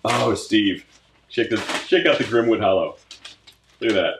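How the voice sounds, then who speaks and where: A pipe tobacco channel host with a lowish, gravelly voice works through a gift box at a moderate pace in a casual unboxing vlog, talking enthusiastically and repeating his words. The room sounds roomy and echoey, and the background is noisy.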